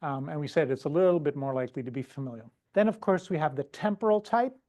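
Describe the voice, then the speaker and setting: Chatty woman lecturer, low voice. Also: expressive, quick pace, mellow. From Canada. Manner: chatty, keeps asking "right?", acts out patients' words. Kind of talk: informal lecture.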